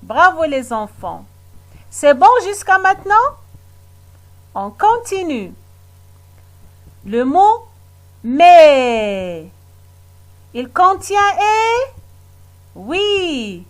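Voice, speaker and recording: A woman leads a children's reading lesson, with a high voice that rises and falls a great deal. She speaks very slowly and patiently, asking questions and praising the class again and again. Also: very animated. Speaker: teacher.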